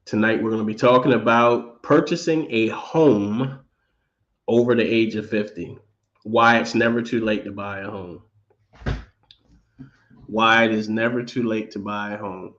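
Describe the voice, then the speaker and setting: A man's voice: fairly low pitch, steady tone, unhurried, pauses often, a bit bright, lo-fi sound. A man who works as a mortgage lender, talking on a live stream. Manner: conversational, explanatory, with frequent fillers.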